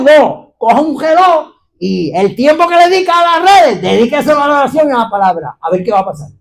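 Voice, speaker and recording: A male pastor preaching a fiery sermon at a church gathering, questioning the crowd and calling out hallelujah. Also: very high-pitched. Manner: animated, exclaiming hallelujah, questioning the congregation.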